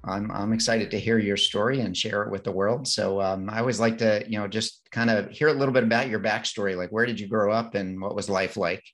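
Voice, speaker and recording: A man hosting a podcast, introducing his guest and asking questions in a relaxed way with fillers. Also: on the low side, fairly quick, hardly any pauses, faint music behind. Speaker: podcast host. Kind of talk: casual interview.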